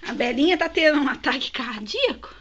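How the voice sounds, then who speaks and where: A woman's voice: high voice, lively intonation, brisk, fairly bright tone, highs cut off, slight background noise. A woman filming her pets at home in a chatty home video, slipping into baby talk with her pets. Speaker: pet owner filming her ferrets. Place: house indoors. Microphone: handheld home video camera.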